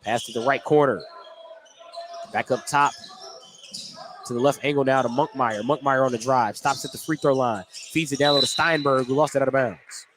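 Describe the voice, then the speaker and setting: Calling a basketball game live on radio from a school gymnasium, a man describes the action in brief, clipped bursts at normal speed in a mid-range voice. The noisy gym is full of game sounds, clicks and the bounce of the ball.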